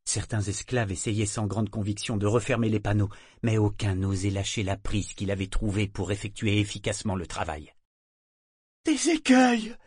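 A man narrates an audiobook in a steady, measured way. His voice sits low. The sound is close and dry, with no room around it. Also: slightly rough, no echo.

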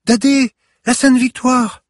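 A man voicing an excitable, eager little girl in a high, strained falsetto, in a dry close recording. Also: a little slow, dry recording. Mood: excited.

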